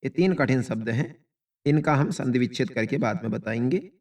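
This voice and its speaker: A man teaching how to recite Sanskrit verses, explaining each step slowly and plainly. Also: mid-range voice, expressive, darkish tone, recorded from a distance. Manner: slow rhythmic chanting, then plain explanation.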